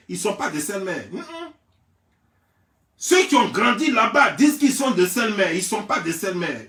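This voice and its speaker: A young man from Côte d'Ivoire with an Ivorian French accent, ranting in a theatrical, mocking gossip vlog and often raising his voice to a shout. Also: sits high. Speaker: gossip vlogger. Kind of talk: mocking gossip rant to camera. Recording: roomy, mic at a distance.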